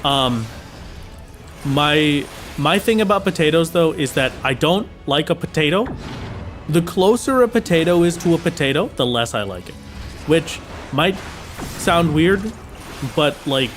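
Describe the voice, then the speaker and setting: A man's voice: on the high side, expressive, unhurried, faint music behind. An Irish man chatting casually on a live game stream, rambling with lots of "like" and "uh" fillers. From Ireland. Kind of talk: casual live-stream chat while gaming.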